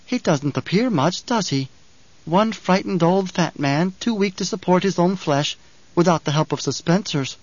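A man voicing an eerily composed, fearless young girl who speaks calmly and precisely. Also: high voice, moderate pace, no echo, pitched above the performer's own voice. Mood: cool defiant. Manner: calm, precise, unsettling. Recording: dull lo-fi audio.

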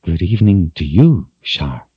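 A man's voice: low-pitched, very animated, measured pace, breathy edge, dry recording, muffled recording, exaggerated voice. A man voicing an earnest young man. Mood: urgent. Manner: earnest, urgent.

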